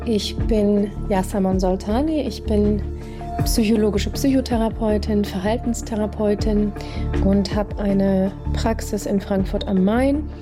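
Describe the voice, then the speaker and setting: A woman psychotherapist, born in Iran, answering interview questions in a thoughtful, deliberate way, pausing to search for words. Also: mid-range voice, steady tone, music in the background. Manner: thoughtful, deliberate, with pauses and fillers.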